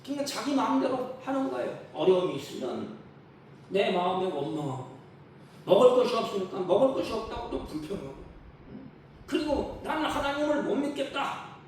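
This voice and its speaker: A man's voice: high voice, sing-song, moderate pace, darkish tone. A male pastor preaching a Sunday sermon with emphasis, acting out the complaints of the people in quoted voices. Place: church sanctuary. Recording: echoey church sound from a distant mic, faint hum.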